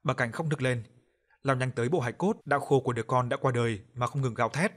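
A man narrates an audiobook horror story in a steady, measured way. His voice sits at an ordinary middle pitch.

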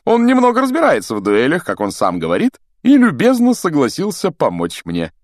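A man's voice: a little high, huge pitch swings, a little fast, no echo, clean studio sound, pitched above the performer's own voice. A man voicing a vain, theatrical male wizard teacher who talks in a grandiose, self-admiring way. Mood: pompous, showy. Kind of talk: audiobook character voice.

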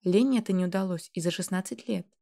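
A woman reading the lines of a thoughtful grown man, a father, speaking calmly and with curiosity. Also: medium pitch, fast talker, vocal fry, close to an everyday voice. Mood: wondering.

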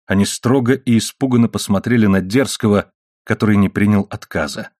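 Low-voiced male audiobook narrator, dry sound. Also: brisk, darkish tone, no room sound. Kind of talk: scripted narration of an adventure novel.

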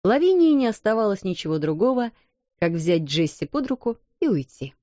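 A woman narrating a children's story aloud, animated and acting out the characters. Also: medium pitch, moderate pace, no room sound, dull audio. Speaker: audiobook narrator. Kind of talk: expressive storybook reading.

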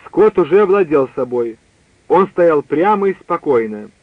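A man's voice: a little high, animated, a little slow, no room sound. Man reading a story on a tinny line. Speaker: narrator. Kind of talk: scripted audiobook reading. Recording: dry tinny phone-like line.

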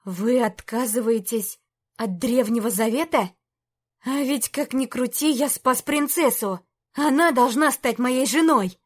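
A woman voicing a greedy young knight who mocks and threatens, often loud. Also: fairly high pitch, unhurried, slightly rough. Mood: sullen defiance. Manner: mocking, shouting, through clenched teeth. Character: treacherous young male knight, greedy and defiant.

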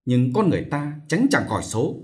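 A man voicing a gentle, persuasive middle-aged aunt who soothes and coaxes, in a storybook reading. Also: medium pitch, sing-song, a little fast, natural voice. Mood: coaxing. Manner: soothing, coaxing.

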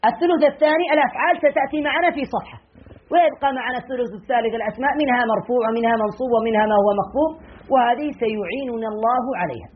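A man teaching a classroom grammar lesson as a sheikh, questioning his students and repeating key phrases slowly. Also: very high-pitched, slight background noise. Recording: tinny lo-fi lesson recording.

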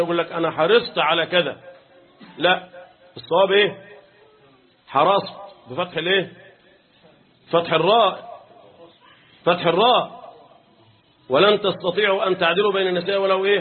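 Man, Egyptian accent, high voice, lesson, keeps clearing his throat, asks listeners questions, thin phone-like sound. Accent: Egyptian Arabic. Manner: frequent throat clearing, quizzing the audience. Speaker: Islamic teacher. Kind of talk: Quran commentary lesson. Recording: tinny phone-like recording.

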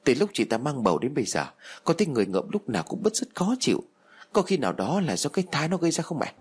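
A man's voice: fairly high pitch, very animated, quick pace, husky, voice pushed up. A man voicing a scheming young son who persuades his mother in a conniving way. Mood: complaining. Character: scheming young man plotting against his sister-in-law.

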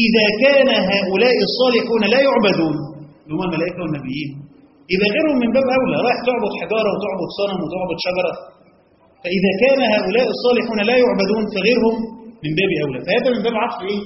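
Egyptian guy teaching, rattles off questions at the class, quick talker, big echoey hall. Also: sits high, expressive, a little hiss or hum. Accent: Egyptian Arabic. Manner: quizzes listeners with quick questions, recites verses slowly. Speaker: Quran commentary teacher. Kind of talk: classroom lecture. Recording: echoey hall, dull lo-fi sound.

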